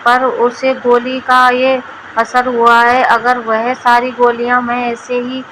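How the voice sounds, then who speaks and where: A simple-minded village husband from a storybook tale, as a woman narrator plays him. The voice stays a little high for a man and very level in pitch. There is a faint hum of background noise. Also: completely flat delivery, takes it slowly, a bit bright, low-quality recording. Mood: pleased.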